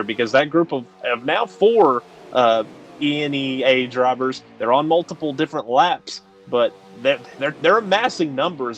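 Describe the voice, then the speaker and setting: A man's voice: mid-range voice, fairly bright tone, lo-fi sound. Laid-back male race analyst. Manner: analytical, laughs easily, many fillers. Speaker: color commentator. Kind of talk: sim racing commentary.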